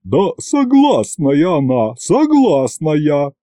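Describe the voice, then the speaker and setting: A man voicing a loud, bossy older woman who bellows and scolds in a storybook. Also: deep voice, very animated, slow pace, no room sound, studio quality, pitched above the performer's own voice, exaggerated voice. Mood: bellowing.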